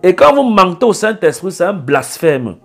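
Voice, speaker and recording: Man, prophet, scolding, insistent, lively swooping pitch, faint music behind. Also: moderate pace, vocal fry. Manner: scolding, insistent, repeats himself. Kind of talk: prophetic consultation by call.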